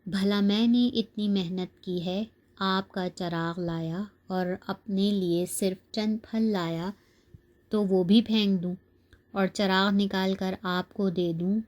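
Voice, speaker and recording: A woman's voice: mid-range voice, fairly even intonation, a little mellow, close to an everyday voice. A woman voicing a stubborn young boy who insists on getting his way, in a storybook reading. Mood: insistent. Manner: insistent, pleading. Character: stubborn boy Aladdin refusing his uncle.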